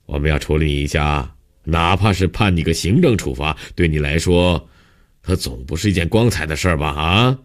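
In an audiobook, a male narrator voices a stern, middle-aged storybook police captain scolding a suspect. The extremely deep voice uses long pauses and drawn-out fillers, growing louder and pushier as he presses.

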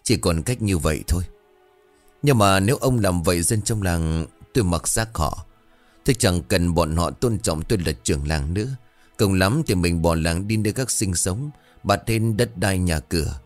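A man's voice: sits low, moderate pace, no echo, soft background music, natural voice. A man voicing a desperate village chief father. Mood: resolute.

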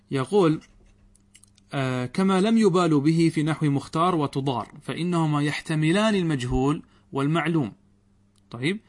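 Man, middle-aged, fairly high voice, grammar teacher, lesson commentary, asks and answers his own questions. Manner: explains step by step, asks questions then answers them. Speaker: sheikh teaching Arabic grammar.

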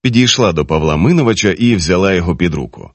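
A man narrating an audiobook in a lively, dramatic reading style. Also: low voice, fast talker, dry recording. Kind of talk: expressive literary narration.

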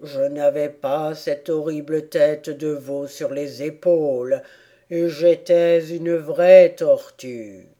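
A woman voicing a sad, sobbing female mock turtle with a calf's head in a storybook reading, slow, loud and lamenting. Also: lowish voice. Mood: mournful. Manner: slow, mournful and loud, turning indignant.

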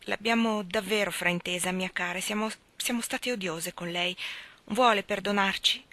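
A woman's voice: mid-range voice, normal speed, bright, forceful tone, no echo, natural voice. A woman voicing a small, wrinkled, proud old spinster in an audiobook, speaking with stiff, bitter formality.

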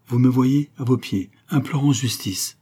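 A proud young Spanish noblewoman, as a male reader puts her on, earnest and unbending, lifting her voice above his usual dark, husky tone. She pleads and insists in turn, with a noticeably higher, tense edge. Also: measured pace. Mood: pleading. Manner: earnest and pleading, then firm.

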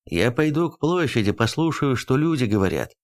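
A man voicing a young, resolute boy in an audiobook, spoken calmly and matter-of-factly in his own voice. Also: medium pitch, a little fast, no room sound, studio quality, lightly acted. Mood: thoughtful.

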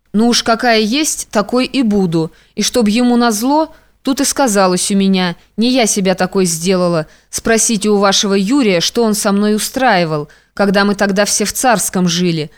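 A woman's voice: mid-range voice, clean tone, natural voice. A woman reading an audiobook, voicing a frightened young woman who pleads timidly through tears.

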